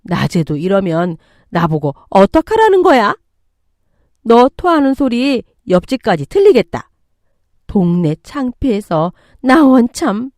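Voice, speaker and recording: A woman's voice: on the high side, big pitch swings, a little slow, dry recording, studio quality, voice pushed up. Woman voicing a scornful older mother-in-law. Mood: scornful scolding. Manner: loud, scolding, contemptuous. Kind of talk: storytelling radio reading.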